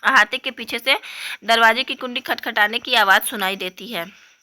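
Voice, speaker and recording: A woman's voice: on the high side, moderate pace, pushed and bright. A woman reading a stage play aloud, voicing the stage directions plainly. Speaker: play reader.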